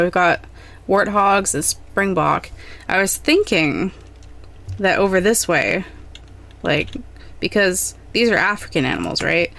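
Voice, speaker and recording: A young adult woman giving relaxed, rambling gameplay commentary, thinking aloud as she plans. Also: fairly low pitch, gravelly. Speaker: gaming channel host.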